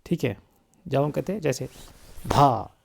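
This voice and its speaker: A male music teacher explains rhythm at an unhurried, deliberate pace. His voice is dark and mellow, and he counts out drum syllables in an even beat while reading definitions slowly and carefully. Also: fairly high pitch. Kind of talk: spoken music lesson mixing Hindi and English.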